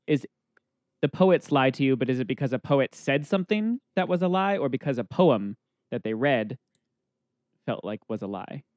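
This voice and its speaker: A man chatting casually as a podcast panelist, thinking out loud. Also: medium pitch, dry recording, studio quality. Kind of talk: casual chat.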